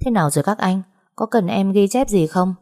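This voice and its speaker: A woman's voice: medium pitch, brisk, darkish tone, pitched above the performer's own voice, close to an everyday voice. A woman doing a cheeky young male junior officer. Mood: eager. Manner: chirpy, teasing.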